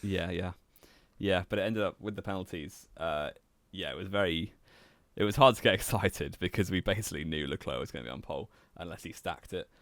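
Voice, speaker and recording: A young man co-hosting a casual motorsport podcast, relaxed and teasing, laughing often. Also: sits low, fairly quick, no room sound. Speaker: podcast co-host. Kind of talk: casual chat.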